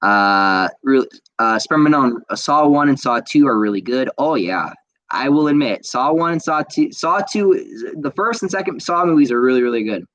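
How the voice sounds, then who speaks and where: A young man chats casually on his podcast, rambling with enthusiasm. He stumbles through fillers and restarts at an everyday middle pitch. The sound is dry, with no room around it. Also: lively intonation, moderate pace, fairly bright tone, no room sound, poor audio. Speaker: podcast host reading viewer comments. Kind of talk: casual chat.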